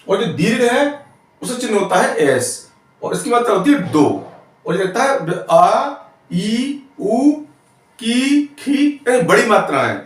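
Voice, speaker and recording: A man's voice: high voice, big pitch swings, a little slow, very echoey, far from the mic. A man teaching Hindi grammar in a classroom style, explaining step by step and often asking the students questions.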